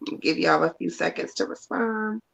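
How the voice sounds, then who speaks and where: A woman's voice: lowish voice, normal speed, vocal fry, a bit bright. A woman co-hosting a live reading stream, playful, slangy and swearing as she calls out viewers. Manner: playful, swears, calls people baby girl. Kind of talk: casual live-stream chat.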